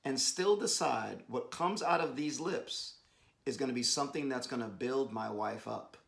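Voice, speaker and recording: A man giving a devotional talk with his wife, exhorting and emphatic, rising to bursts of excitement, speaking over a video call. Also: mid-range voice, moderate pace, creaky. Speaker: husband co-hosting a devotional. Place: home, joining an online meeting.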